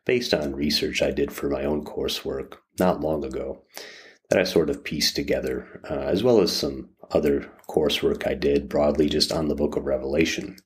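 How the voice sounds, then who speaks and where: A man hosting a podcast, talking casually from inside a closet of a rented room, halting and thinking aloud with many restarts. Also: extremely low pitch, fairly even intonation. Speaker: podcast host. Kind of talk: casual solo podcast talk.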